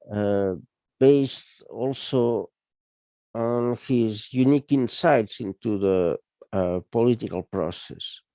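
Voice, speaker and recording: A middle-aged man hosting an interview, speaking haltingly with many uhs. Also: mid-range voice, dark tone, no room sound, studio quality. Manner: halting, filler-heavy delivery. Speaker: interview host. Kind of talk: interview introduction and questions.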